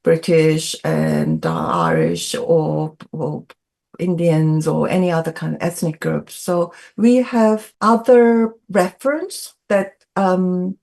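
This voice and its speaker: Korean-accented woman on a panel; slow, husky-fry delivery, hesitant. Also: fairly low pitch, animated, mellow. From South Korea. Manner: hesitant, many fillers. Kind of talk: panel discussion answer.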